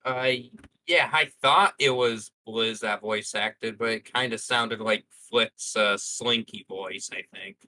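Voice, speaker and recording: A man's voice: on the low side, slow pace, bright, forceful tone, no echo, poor audio. A young man as a podcast guest, giving brief, hesitant answers. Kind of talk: casual podcast chat.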